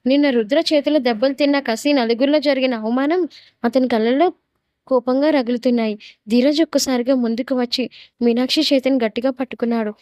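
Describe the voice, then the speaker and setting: A woman reads a dramatic romance story aloud. Her voice sits fairly high and stays expressive but steady. The recording is close and dry, with no room sound. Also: fairly quick, dry recording. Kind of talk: dramatic audio story reading.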